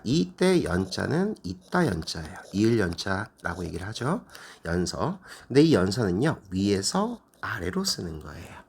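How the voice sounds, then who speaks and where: Lively husky male Korean teacher. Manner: explains step by step, asks the class questions; lively, animated pitch. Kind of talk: classroom lecture.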